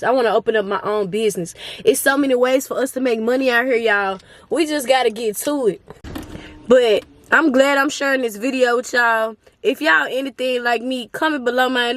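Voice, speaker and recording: A woman's voice: a little high, a bit bright, no room sound. A woman, talking earnestly and emotionally to her viewers in a casual motivational vlog. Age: 20s. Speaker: vlogger. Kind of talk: casual motivational talk to camera.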